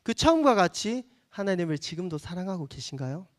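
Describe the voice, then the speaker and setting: Earnest high-voiced male pastor preaching. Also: big pitch swings, fairly quick. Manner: earnest preaching with acted asides. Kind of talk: sermon to a young adult congregation.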